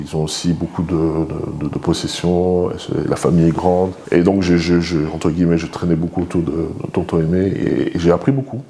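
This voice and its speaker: There's slight background noise as a low, warm-voiced man in his forties from Congo speaks. Interviewed in a relaxed way as the host's father, he gives thoughtful answers peppered with hesitations and repeated words.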